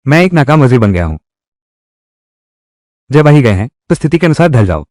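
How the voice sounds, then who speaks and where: A man dubbing a drama, voicing a young office worker thrown back into ancient times, with expressive, quick-shifting delivery. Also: medium pitch, dry recording, clean studio sound, close to an everyday voice. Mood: reflective. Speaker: dub actor. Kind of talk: Hindi dub of a Chinese drama.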